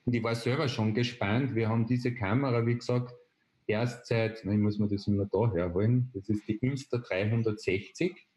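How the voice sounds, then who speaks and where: A man, explaining a software tool step by step on a video call, with frequent hesitation fillers. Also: on the low side, fairly even intonation, normal speed. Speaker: presenter. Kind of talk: online webinar demonstration. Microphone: video call webcam.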